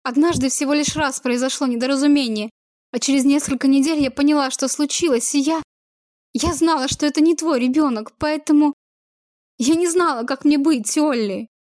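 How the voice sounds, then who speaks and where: A woman's voice: sits high, normal speed, a little mellow, no room sound, clean studio sound, close to an everyday voice. A woman voicing a frightened, guilty young woman in her twenties who pleads through tears, read in an audiobook. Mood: pleading. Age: 20s. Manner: pleading, tearful.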